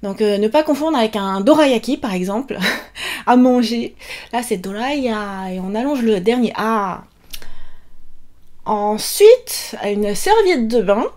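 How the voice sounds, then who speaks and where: A woman's voice: on the high side, a little mellow. A woman teaching a casual vocabulary lesson, chatty and laughing often, drilling students with repeated questions. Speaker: Japanese language teacher.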